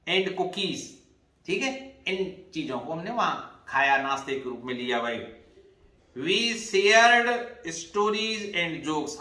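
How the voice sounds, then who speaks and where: Slow, bright-voiced male tutor in echoey room. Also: fairly high pitch, distant mic. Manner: explains slowly, repeats phrases, addresses students as bhai. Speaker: teacher. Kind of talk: exam-prep English lesson.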